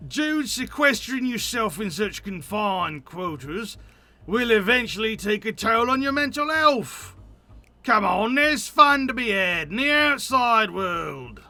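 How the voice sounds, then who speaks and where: In a full character voice, a man reads game dialogue aloud as a flamboyant, cheerful poetry lover pushing a shy friend. His voice is high, pushed up, sharp and very animated, at a measured pace, and the delivery is theatrical, florid and cheerfully grandiose in a dry recording.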